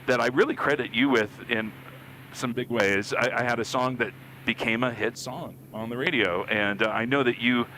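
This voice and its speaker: Bright-voiced man chatting in a cockpit. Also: medium pitch, moderate pace, slight background noise, poor audio. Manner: warm, self-deprecating storyteller. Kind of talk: casual chat. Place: small airplane cockpit.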